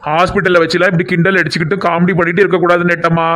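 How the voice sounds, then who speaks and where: A calm, sensible village man in a cartoon, gently scolding and reassuring as a man voices him, with a southern Tamil Nadu accent. His voice sits high for a man. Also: racing. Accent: southern Tamil Nadu (Kanyakumari–Tirunelveli).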